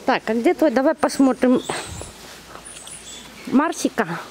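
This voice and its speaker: A woman at the zoo's outdoor bear enclosures films and feeds the bears on her handheld camera, talking to them in a cooing, doting way with repeated words and pet diminutives. Her high voice swings widely in pitch, slow and a little mellow, with slight background noise.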